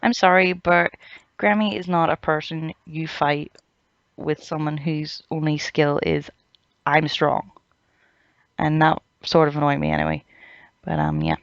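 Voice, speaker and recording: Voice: medium pitch, lively intonation, normal speed, no room sound. A podcast host giving a casual review of anime chapters, ranting, swearing freely and mocking characters in put-on quote voices. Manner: swears freely, many fillers. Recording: dull lo-fi dry recording.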